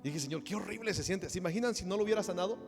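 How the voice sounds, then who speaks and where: A man from Mexico, a pastor delivering a sermon, who moves from a quiet personal story to loud, impassioned preaching. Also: high voice, racing, gravelly, music in the background.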